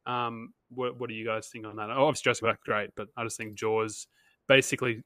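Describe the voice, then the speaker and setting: A man co-hosting a relaxed film podcast, his voice bright and forward in a dry, close room. He rambles a little and laughs easily as he talks with friends. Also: medium pitch, no echo. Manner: chatty, rambling, quick to laugh. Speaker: podcast co-host. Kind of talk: casual chat.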